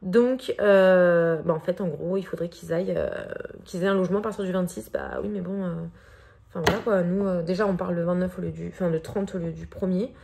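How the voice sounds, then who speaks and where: A woman's voice: lowish voice, steady tone, fairly quick, gravelly, a little mellow, slight background noise. A woman in her thirties from France with a French accent, chatting casually in a vlog with many hesitations and fillers. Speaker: vlogger.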